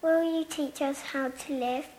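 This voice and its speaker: A woman's voice: sits high, fairly even intonation, measured pace, darkish tone, roomy sound, in a large hall. A teenage girl reciting scripted lines in earnest for a church video. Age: young. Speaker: young speaker in a church video. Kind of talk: scripted spoken-word video.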